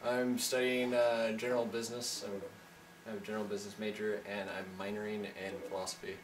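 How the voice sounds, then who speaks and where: A man in his twenties speaks plainly about his studies in a fairly low voice. The room echoes, and the mic sits some way off. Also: flat delivery, a little fast, far from the mic, slight background noise. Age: 20s. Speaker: college student. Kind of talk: casual self-introduction.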